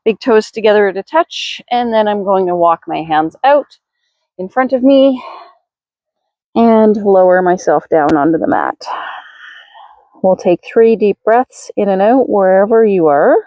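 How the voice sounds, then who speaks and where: Woman, yoga instructor, careful unhurried delivery, gentle guided class, medium pitch, very little room sound. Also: animated, no echo, poor audio.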